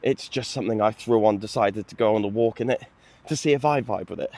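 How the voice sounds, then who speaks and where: A man's voice: fairly low pitch, fast talker, a little mellow. A man vlogging on a walk with a phone held at arm's length, chatting in a rambling, joking, self-mocking way. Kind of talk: rambling casual vlog. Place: outdoors on a walk.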